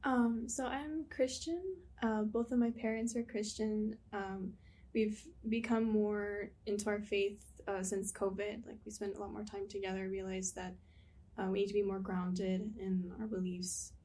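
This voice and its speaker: A woman's voice: mid-range voice, little pitch movement, a little slow, warm tone. A young woman in college, a student guest answering in a friendly way with some ums. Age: young adult. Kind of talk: casual interview answers.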